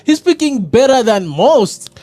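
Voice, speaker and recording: A man co-hosting a podcast, reacting casually in an animated way, laughing along and arguing back. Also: very high-pitched, a little slow, no room sound. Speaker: podcast co-host.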